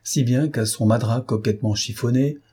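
A man narrating a novel as an audiobook in a measured, expressive manner. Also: medium pitch, husky. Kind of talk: scripted narration.

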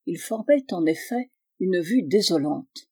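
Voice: medium pitch, expressive, a little slow, dark tone, husky. Une voix adulte qui lit un roman policier classique à voix haute, d'un ton posé et régulier. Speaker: audiobook reader. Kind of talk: scripted narration.

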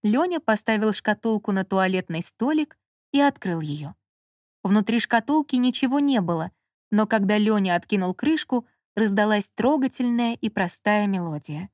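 Женщина ровно и размеренно читает аудиокнигу. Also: female voice, mid-range voice, expressive, normal speed, darkish tone, dry recording, clean studio sound. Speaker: narrator. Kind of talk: audiobook narration.

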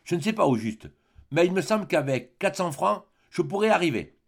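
A discontented young wife from a classic storybook, put on by a male reader. She speaks in a raised, sharp tone with impatience in every phrase, her pitch swinging up and down. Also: big pitch swings, moderate pace, gravelly, heavily acted. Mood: hesitant.

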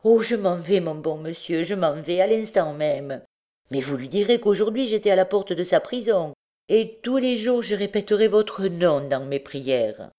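A woman's voice: lowish voice, expressive, normal speed, warm tone, voice pushed up, natural voice. A woman reading aloud, voicing a desperate mother who pleads fervently, her voice raised above her usual tone. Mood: pleading. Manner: fervent, imploring. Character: desperate pleading peasant mother, middle-aged.

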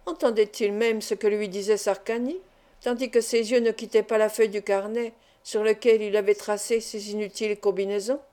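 A woman narrating a classic novel as an audiobook, in a measured, even reading. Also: medium pitch. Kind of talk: scripted narration.

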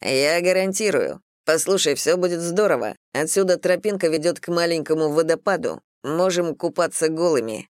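A woman voicing a crude, mocking young man with a slow, smirking drawl in an audiobook. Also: sits low, expressive, no room sound, clean studio sound.

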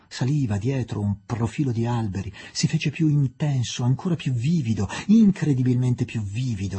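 A male narrator reading a novel aloud with wide, lively swings of pitch and a warm, mellow tone. His delivery is dramatic and varied, leaning into each image of the story. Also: slightly rough. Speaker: audiobook reader. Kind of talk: expressive literary narration.

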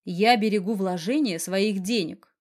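Woman voicing a stern young male boss, audiobook, slow deliberate growl, firm. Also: mid-range voice, lightly acted.

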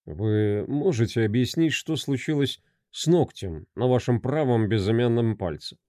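A man voicing a calm police inspector who questions a suspect slowly and quietly. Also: no room sound, clean studio sound, close to an everyday voice. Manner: quiet, low, measured questioning.

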